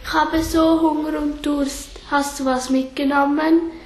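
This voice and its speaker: Eager curious girl read by a woman, high voice, plain storybook reading. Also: level tone, a little slow, reverberant, poor audio.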